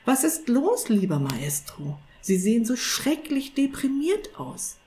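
A woman voicing a small, eager male cat who flatters and coaxes his master, in a storybook reading. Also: fairly high pitch, unhurried, a little hiss or hum, voice pushed up. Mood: coaxing. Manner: eager, wheedling, polite.

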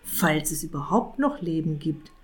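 A woman's voice: sits low, animated, moderate pace, voice pushed down. A woman voicing an earnest young tomcat, a dreamy and eager minstrel, in a storybook reading. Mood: thoughtful. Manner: eager and hopeful.

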